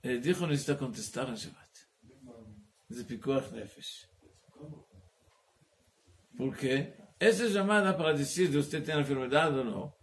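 A male rabbi giving a Torah class, talking in a halting way, searching for words and dropping in Hebrew terms. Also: mid-range voice, expressive, slight background noise. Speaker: rabbi teaching Talmud.

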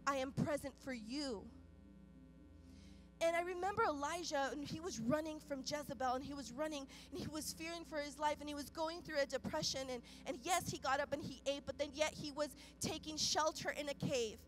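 Woman pastor, high voice, impassioned sermon over clear music, swings loud to soft. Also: fairly quick. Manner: impassioned, swings between loud urgent peaks and soft quiet passages; repeats and restarts phrases while preaching. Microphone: microphone.

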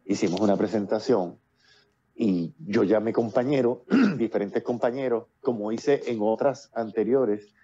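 His voice is lowish, warm and a little slow, and the audio sounds dull. He is a playwright and actor from Puerto Rico in his fifties with a Puerto Rican accent, a guest in a casual interview over video call who talks at length with lots of fillers and restarts, speaking through earphones with a built-in mic.

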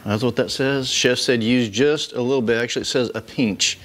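A man's voice: mid-range voice, fairly quick, a bit bright, a little hiss or hum. Easygoing man cooking at home. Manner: joking, easygoing, chuckles often. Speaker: cooking show host. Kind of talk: casual cooking demonstration. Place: home kitchen.

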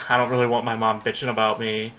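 A gaming YouTuber in his late teens rambles casually about his recording plans over gameplay, swearing when things go wrong. His voice sits on the low side with a bright, forceful tone, a completely flat delivery, and a moderate pace. The recording is muffled, with slight background noise.

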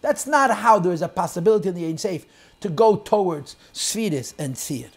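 A man teaching a Chassidic text class, explaining in English sprinkled with Hebrew and Yiddish terms and shifting between loud and soft emphasis. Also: high voice, lively intonation, moderate pace, creaky, husky. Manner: quotes and translates lines of text, swings loud and soft. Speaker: Torah teacher.

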